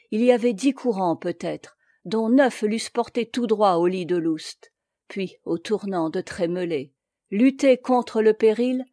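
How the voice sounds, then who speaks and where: A woman reads an old tale aloud at an unhurried pace, calm and measured. Her voice is mellow and the recording is dry and close. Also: medium pitch, dry recording. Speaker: audiobook narrator. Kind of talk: scripted narration.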